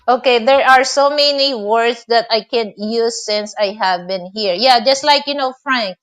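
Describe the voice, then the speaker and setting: A middle-aged Filipino woman from the Philippines hosts a live online interview, her voice a little high, unhurried and somewhat bright. She rambles, leaning on lots of filler phrases and frequent restarts.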